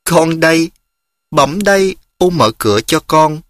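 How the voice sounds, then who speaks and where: A man's voice: fairly high pitch, expressive, measured pace, fairly bright tone, dry recording, voice pushed up. A male narrator voicing a wounded, exhausted young peasant man, urgent and emotional. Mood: pleading.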